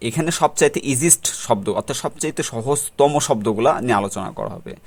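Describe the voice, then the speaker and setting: Man, Bangladeshi accent, vocabulary tutor, mid-pitched voice, asks himself questions as he explains. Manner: rhetorical questions, mixes English terms.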